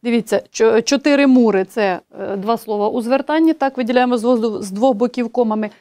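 A woman giving an exam-prep grammar lecture, explaining rules step by step, slowing down to read poetry examples and often saying "so" to check understanding. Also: a little high, dark tone. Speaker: teacher.

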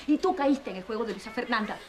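A woman's voice: on the high side, animated, fast talker, natural voice. An actress playing a bitter, jilted woman who reproaches the man she loved in a telenovela. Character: bitter jilted woman letting her lover go. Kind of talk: telenovela acting.

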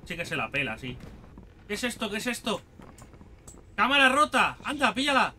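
Un hombre con acento de España que comenta una partida de un videojuego de forma desenfadada, grita a los monstruos y suelta tacos a cada rato. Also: male voice, high voice, moderate pace, a little hiss or hum. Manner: excitable, shouting and swearing at monsters. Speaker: gaming YouTuber. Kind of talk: casual let's-play commentary.

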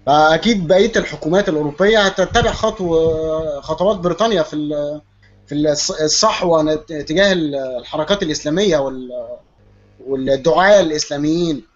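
Speaking briskly and with a mocking edge, a man with an Egyptian Arabic accent joins an online panel discussion as a guest over an internet call. His voice is fairly high, and the call audio sounds dull and lo-fi.

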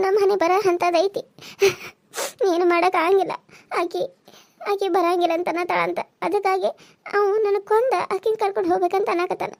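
A woman's voice: extremely high pitch, vocal fry, darkish tone. A woman voicing a wronged young village wife in a cartoon serial, with a North Karnataka Kannada accent, pleading and tearful.

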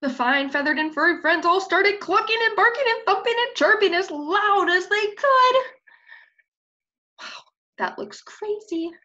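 Speaking at an extremely high pitch with an expressive, unhurried, sharp-toned delivery, a young preschool teacher reads a children's storybook aloud and prompts with questions. She is indoors on a screen-share video call, recorded through a computer microphone as slightly dull webcam audio.

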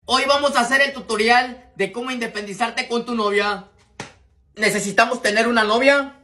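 A man with a Mexican Spanish accent narrating mock tutorials in a deadpan, step-by-step way. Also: very high-pitched, moderate pace. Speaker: comedy creator.

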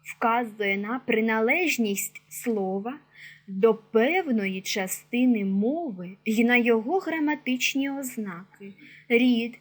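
Female narrator for a school video lesson, slightly raised pitch, breathy edge, steady explanatory read. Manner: clear, measured explanatory delivery. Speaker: teacher. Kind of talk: scripted educational narration.

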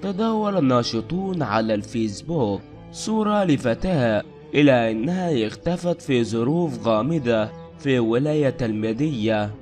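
Guy reading out a news story, medium pitch, music behind him. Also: a little mellow. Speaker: video narrator. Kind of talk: scripted news narration.

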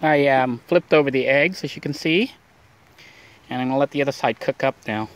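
A man with a medium-pitched voice chats fairly quickly as he cooks outdoors beside a van for his vlog. It's relaxed, rambling how-to narration packed with fillers.

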